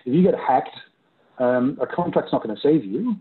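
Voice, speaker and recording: A man's voice: medium pitch, lively intonation, normal speed. A middle-aged man, a consultant speaking on a video-call panel, hesitant with many fillers and restarts. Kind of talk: webinar panel discussion. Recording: tinny phone-like video call audio.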